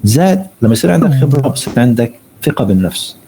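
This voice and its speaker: A man teaching an online English lesson. He reads each tip slowly in English and then explains it in Arabic. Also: medium pitch, sing-song, warm tone, slight background noise, poor audio.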